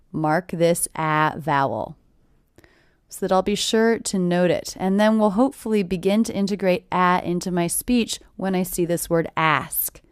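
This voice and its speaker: A woman teaching English pronunciation, clearly and deliberately repeating short phrases. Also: on the low side, no echo, clean studio sound. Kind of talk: pronunciation lesson.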